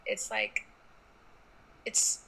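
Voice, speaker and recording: Slangy, animated young woman from New York. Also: extremely slow, poor audio. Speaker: podcast guest. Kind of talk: casual chat.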